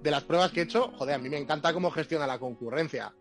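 A man with a slightly high voice gives his opinions on programming in a chatty, playful way. Faint music plays underneath. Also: rapid-fire. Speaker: podcast co-host. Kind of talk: casual tech chat.

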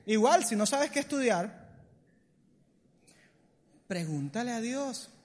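A Colombian man preaching a sermon in a church hall, animated and lively. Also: very high voice, slow. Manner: animated, acts out comic voices. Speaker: pastor. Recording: long hall reverb.

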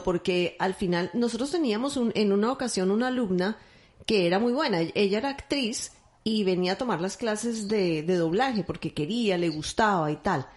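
A woman's voice: medium pitch, a little mellow. A woman who hosts the conversation and teaches dubbing, talking casually and hesitating with fillers. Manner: hesitant, fills pauses with eh. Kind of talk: casual chat.

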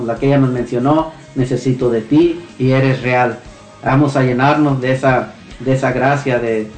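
A man hosting a religious radio show who speaks haltingly and repeats words. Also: a little high, a little mellow. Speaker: radio host. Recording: roomy studio with faint music.

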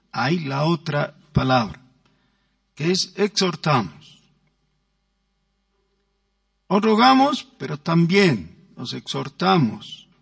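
Man, pastor, sermon, high gravelly voice, emphatic drawn-out words, dry recording. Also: no room sound, distant mic.

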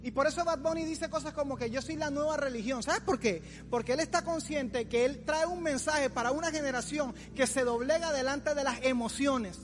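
Very high-pitched and brisk, with hardly any pauses, a man in his forties preaches an informal sermon to young people. He keeps it colloquial and teasing, acting out imagined complainers, while music sits under a long hall reverb.

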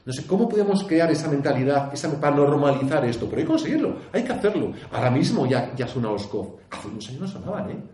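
A priest with a Castilian Spanish accent giving an earnest conference talk, full of restarts, rhetorical questions and a tag "¿eh?". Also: male voice, a little high, very animated, fast talker, few pauses, mellow. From Spain. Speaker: priest and pastoral speaker. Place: conference hall. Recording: echoey hall.

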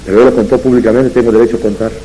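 Mellow-voiced rabbi telling stories. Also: male voice, medium pitch, fairly even intonation, racing, a little hiss or hum, poor audio. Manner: storytelling, rising and louder on emphatic points. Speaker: rabbi giving a Torah talk. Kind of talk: religious lecture with anecdotes.

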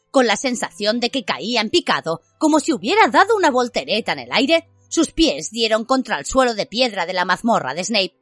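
A woman narrating a fantasy novel as an audiobook, with expressive storytelling. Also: mid-range voice, dry recording. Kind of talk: scripted fiction narration.

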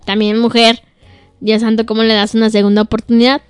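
A woman co-hosts a casual chat in a bright, high voice, blunt and emphatic. Her voice is smooth and close, with no room around it. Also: level tone, fairly quick, dry recording. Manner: blunt, emphatic, laughs often. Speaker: co-host.

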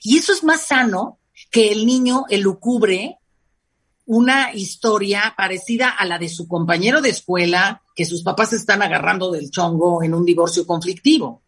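A woman with a Mexican accent, a guest expert talking about family life in an animated, expressive way. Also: mid-range voice, moderate pace, breathy edge. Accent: Mexican Spanish. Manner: animated, acts out quoted parents in lively voices. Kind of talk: conversational interview.

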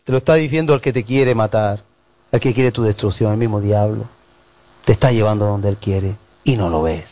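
A male pastor delivering a sermon in an animated way, acting out voices and piling up emphatic lists. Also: mid-range voice.

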